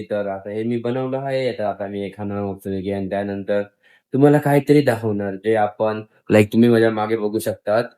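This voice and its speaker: A young man with a Marathi accent talks casually in his daily vlog, treating viewers like friends. His voice is lowish, smooth and a little mellow.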